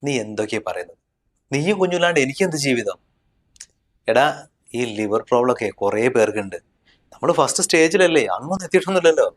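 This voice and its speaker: A man's voice: mid-range voice, animated, fast talker, pauses often, natural voice. A young man playing a loyal husband who answers firmly and reassures his ill wife in a family short film. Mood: reassuring. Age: young adult. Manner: firm, indignant, reassuring. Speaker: husband and son.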